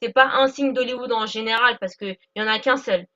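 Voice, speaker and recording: Woman teacher, high bright voice, patient step-by-step grammar lesson, slows for examples, muffled lo-fi sound. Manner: patient, repeats examples slowly, checks with "d'accord?". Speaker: English teacher. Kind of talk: explaining English grammar lesson.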